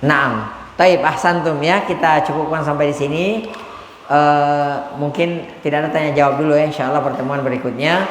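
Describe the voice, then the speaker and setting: A man's voice: on the high side, fairly even intonation, normal speed, a little hiss or hum. A male Arabic teacher leading a classroom lesson. He prompts his students one by one, then corrects and praises them briefly. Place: mosque hall. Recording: echoey mosque hall.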